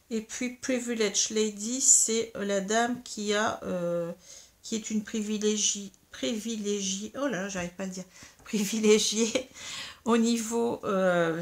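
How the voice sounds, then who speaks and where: A woman tarot reader guiding viewers through a card reading in a soft, calm, instructive way, hesitating often with fillers and restarts. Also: mid-range voice.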